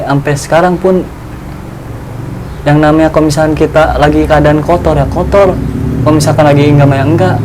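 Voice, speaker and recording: Male guest, animated storyteller, slightly high voice. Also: noisy background. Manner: animated, acts out friends' voices in dialogue. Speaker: guest telling a ghost experience. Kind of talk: casual storytelling chat.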